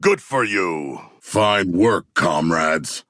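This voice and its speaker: An actor playing a huge, earnest, literal-minded shark-man warrior in a video game, with a gravelly voice and formal, grandiose phrasing. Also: low voice, animated, very slow, fairly bright tone, no room sound, studio quality, exaggerated voice. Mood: earnest, measured. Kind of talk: video game character voice lines.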